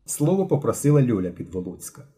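A man reads an audiobook aloud with expressive narration. His voice is mellow and animated, moving across a wide pitch range. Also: fast.

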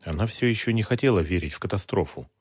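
A man narrating an audiobook in a calm, expressive reading. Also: lowish voice, fast, husky, no echo, studio quality. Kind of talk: scripted narration.

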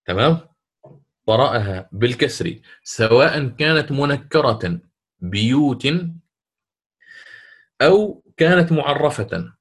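A man teaching a lesson on Quran recitation, asking his students questions and slowly chanting verses as examples. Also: medium pitch, lively intonation, breathy edge.

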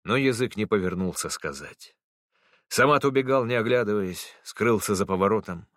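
Man reading a literary audiobook, low and dry. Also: animated, fairly bright tone, dry recording. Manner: measured, earnest storytelling. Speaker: narrator.

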